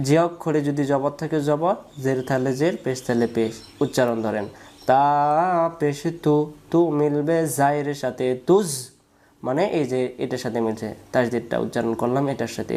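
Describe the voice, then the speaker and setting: A man's voice: mid-range voice, mellow. A man teaching Quran reading, who patiently spells out and repeats each syllable many times in a drill lesson.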